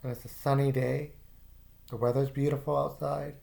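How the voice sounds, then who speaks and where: A man slowly narrating a guided visualization in the second person, calm and soft-spoken with casual fillers. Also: medium pitch, creaky.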